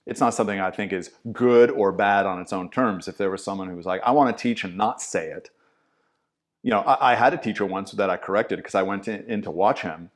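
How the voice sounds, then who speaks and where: A middle-aged acting teacher speaks in a fairly low, brisk voice during a casual podcast interview. He's an animated storyteller who acts out what people said in vivid anecdotes, swearing as he quotes them.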